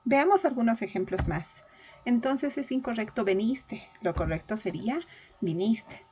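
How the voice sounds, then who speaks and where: A woman teacher giving a verbal reasoning lesson, slowly and deliberately spelling out examples of correct and incorrect words. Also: fairly high pitch, animated, a little mellow, a little hiss or hum, rough recording.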